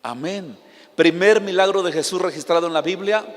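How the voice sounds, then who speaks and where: A man preaching from the pulpit with a voice that sits somewhat high for a man. He tells his story with passion and surges toward near-shouting. His words ring through a church hall with a long reverb. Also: moderate pace. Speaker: pastor. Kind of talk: sermon.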